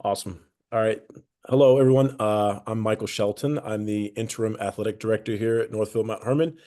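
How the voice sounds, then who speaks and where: A man's voice: fairly low pitch, fairly even intonation, brisk, mellow. A man who is an athletic director and coach introduces himself on a webinar panel over a video call, upbeat and enthusiastic.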